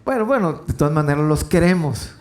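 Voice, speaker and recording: A fairly high-pitched man, preaching to his congregation. He tells the story with animated swings, dropping low and rising high as he acts out the voices in it. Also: brisk. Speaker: pastor. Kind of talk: sermon.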